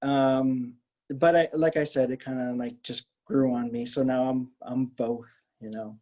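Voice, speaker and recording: Being interviewed about his art, this middle-aged Miami-area man from Florida speaks casually, hesitating, rambling, and repeating himself. The voice is mid-range and dark-toned, with a steady tone and an unhurried pace.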